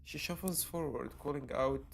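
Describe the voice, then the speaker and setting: A man's voice: on the high side, normal speed, vocal fry, slight background noise. A man streaming a visual novel, reading the text aloud with dramatic, emotional reactions. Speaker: game streamer.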